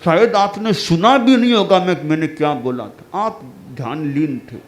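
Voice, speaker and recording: A man's voice: a little high, moderate pace, close to an everyday voice. A man voicing an anxious young male disciple in a spoken parable, calling out urgently and pleading. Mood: puzzled.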